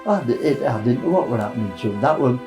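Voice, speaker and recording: A man in his nineties, a war veteran recounting wartime memories in a halting way, with many fillers. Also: medium pitch, animated, dark tone, faint music behind, rough recording. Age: 90s.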